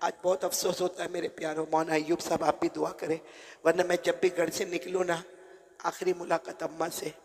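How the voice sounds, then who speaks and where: Preacher man with a gravelly, high, echoey voice. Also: flat delivery, brisk. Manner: swings from soft murmurs to shouted peaks; addresses listeners as "my dear ones". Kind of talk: sermon storytelling. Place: village gathering. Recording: echoey hall reverb.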